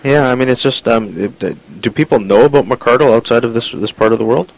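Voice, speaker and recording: A man hosting an interview, measured and full of "uh" fillers. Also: medium pitch, creaky, poor audio. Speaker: radio interview host. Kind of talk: interview with a scripted introduction.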